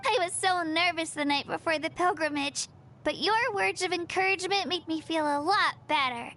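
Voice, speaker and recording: An actress voices a cheerful, earnest young girl companion in a game, speaking very high-pitched at normal speed with a pushed, bright, heavily acted delivery. She sounds sweet and encouraging with a touch of shyness, and her game dialogue plays under background music.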